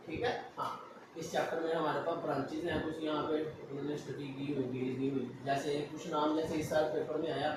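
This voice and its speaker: Man teaching in an echoey room. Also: a little high. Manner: explanatory, repeats checks like "okay, beta", slows down for English definitions. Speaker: physics teacher. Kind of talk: classroom lecture mixing Hindi-Urdu and English. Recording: echoey room, distant mic, noisy.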